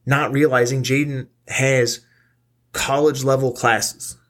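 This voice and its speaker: A man's voice: medium pitch, flat delivery, takes it slowly, a bit bright. A middle-aged man hosting his own podcast, ranting angrily and profanely while stoned and worn out. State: stoned, weary. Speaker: podcast host. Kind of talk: casual ranting monologue.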